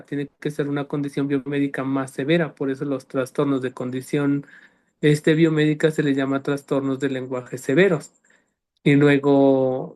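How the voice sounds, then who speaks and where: A man's voice: on the high side, darkish tone. Man explaining speech therapy terms. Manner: didactic, checks understanding with "¿sí me explico?". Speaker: speech-language specialist guest. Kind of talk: explanatory panel talk.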